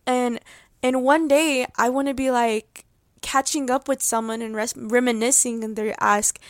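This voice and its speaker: A woman's voice: on the high side, fairly even intonation, a little slow, dry recording, studio quality. A young woman in her late teens hosting her own podcast, chatting about her life in a rambling, heartfelt way with many fillers and restarts, and laughing often. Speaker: podcast host. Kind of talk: casual personal update.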